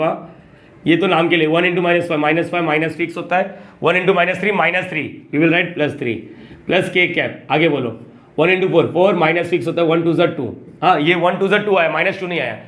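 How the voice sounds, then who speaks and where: A man's voice: high-pitched, sharp tone. A young man teaches a math lesson. He talks in a chatty, coaxing way and keeps firing questions at his students as he works through each step. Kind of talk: classroom lecture.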